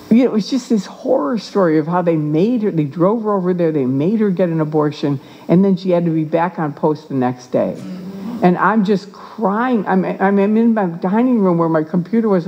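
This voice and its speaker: An older woman gives a talk to an audience, telling her own story in a lively way and acting out the voices of the people in it. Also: on the low side, dull audio. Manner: animated, acts out quoted voices. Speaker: guest speaker.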